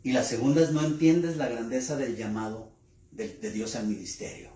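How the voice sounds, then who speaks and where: A male pastor delivering a sermon, speaking deliberately, asking rhetorical questions and repeating key words for emphasis. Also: medium pitch, dark tone, reverberant. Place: church.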